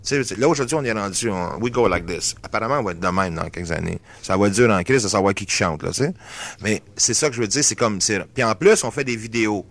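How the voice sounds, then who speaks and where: A man's voice: lowish voice, fast, fairly bright tone. A Canadian singer with a Québécois accent, talking in a loose, rambling way and slipping English phrases into his French during an interview. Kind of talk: casual interview talk.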